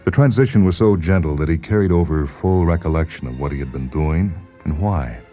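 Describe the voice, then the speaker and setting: Narrating a short story, this man has a mellow, exceptionally deep voice. He reads the literary fiction in a dramatic, expressive way at a measured pace, while soft music plays behind him.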